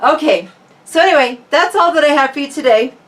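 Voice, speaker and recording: Brisk and animated, a woman with a high voice chats with viewers informally in the manner of a fitness vlogger. The audio is picked up from a distant mic.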